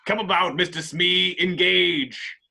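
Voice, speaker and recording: A man's voice: high-pitched, fairly even intonation, unhurried, creaky, pushed and bright, full character voice. A man playing a gleeful, villainous pirate captain in a table read, theatrical and mocking. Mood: commanding. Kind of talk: amateur table read acting.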